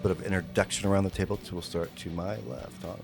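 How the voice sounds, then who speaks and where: A man's voice: deep voice, fairly even intonation, fast, gravelly, soft background music. A man running a tabletop game as game master, narrating scenes and laughing easily with the players. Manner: laughs often, easygoing.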